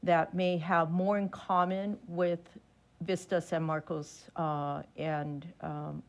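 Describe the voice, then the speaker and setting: A woman's voice: sits low, a little mellow. A woman commissioner thinking aloud in a public meeting debate over a video call, hesitant and full of fillers. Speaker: redistricting commissioner.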